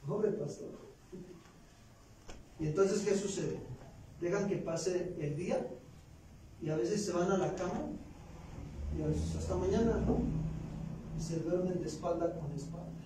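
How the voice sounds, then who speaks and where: A man's voice: high-pitched, measured pace, long pauses, warm tone, a little hiss or hum. A man with a Mexican Spanish accent preaching a sermon, talking conversationally and tossing in rhetorical questions. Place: church. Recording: very echoey church room, voice from far off.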